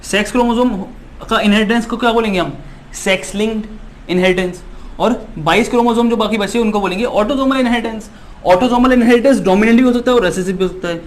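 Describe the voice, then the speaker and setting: A male biology teacher speaks fast in a high voice during an exam-prep lecture. He repeats points and keeps asking "है ना" to make sure students follow, staying insistent and reassuring and promising results.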